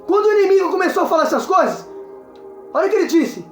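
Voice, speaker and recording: A man's voice: very high-pitched, big pitch swings, quick pace. A man with a Brazilian Portuguese accent preaching a sermon as an evangelist, repeatedly urging his listeners to pay attention. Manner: exhorting, repeats calls to listen. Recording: echoey room with faint music.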